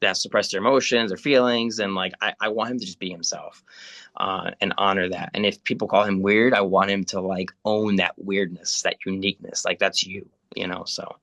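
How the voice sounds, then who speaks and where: A man's voice: sits low, fairly even intonation, moderate pace, bright, forceful tone, dry recording. Chatty Italian-born man in his thirties. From Italy. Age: 30s. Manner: rambling, many fillers and restarts. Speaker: spiritual guide. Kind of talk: casual video call chat.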